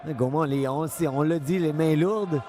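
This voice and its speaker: A man's voice: on the high side, moderate pace, noisy background. A man with a Quebec French accent giving live, unscripted boxing commentary, analytical and often repeating his phrases.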